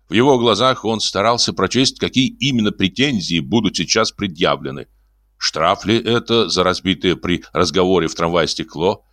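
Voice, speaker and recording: A man narrating an audiobook in a lively, theatrical storytelling manner on a close studio mic. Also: low voice, no echo. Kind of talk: expressive literary narration.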